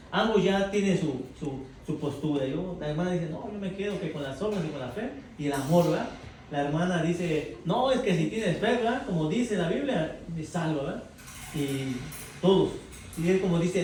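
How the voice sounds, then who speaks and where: Brief: warm, slightly high male Bible teacher, conversational, heard from far off in a roomy hall with faint noise. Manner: asks the group questions, tags lines with "verdad?". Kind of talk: interactive Bible class.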